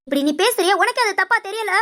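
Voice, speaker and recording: A woman voicing a stern middle-aged aunt in an animated family drama, talking in a scolding, forceful way. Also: very high voice, fast talker, heavily acted.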